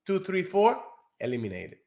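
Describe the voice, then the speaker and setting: A man from Cuba, teaching a live online nursing exam lesson in an earnest, encouraging way, slowing down to stress key words. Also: sits high, wildly swooping pitch, mellow.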